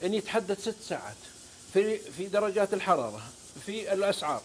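A man's voice: high voice, very animated, fast talker, a little hiss or hum. A man with a Saudi accent, a guest preacher on a talk show, telling stories with fervent oaths and scripture quotes. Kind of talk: religious talk-show storytelling.

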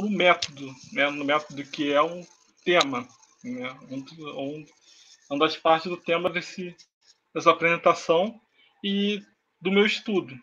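A man with a Brazilian accent gives a university lecture over a video call, his voice bright and a little high. He talks hesitantly, with many filler sounds between phrases. The audio is dull and lo-fi, as from a video call. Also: a little hiss or hum. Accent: Brazilian Portuguese. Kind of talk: online academic lecture.

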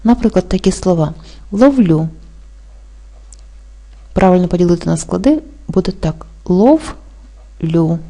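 A woman teaching an exam-prep language lesson, explaining rules slowly and carefully and spelling out example words. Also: fairly low pitch, expressive, dark tone. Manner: slow, careful dictation-like delivery.

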